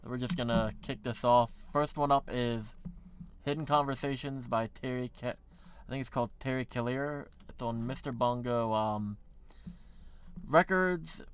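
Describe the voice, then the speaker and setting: An American man chatting casually on a livestream. He rambles with plenty of fillers and keeps correcting himself, in an ordinary mid-pitched voice. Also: moderate pace, clear, resonant tone. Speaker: streamer.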